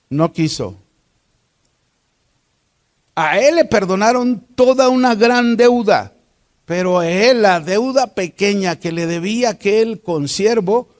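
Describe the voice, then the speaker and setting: Mexican man teaching a Bible lesson, unhurried, keeps asking the class questions. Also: high voice. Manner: deliberate, asks the class rhetorical questions.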